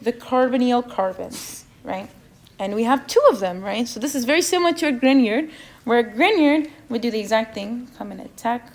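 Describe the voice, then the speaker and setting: A young chemistry review leader with a non-native English accent questions her students and punctuates the session with "okay?" Her voice is fairly high and animated at a moderate pace, with a little hiss or hum in the background.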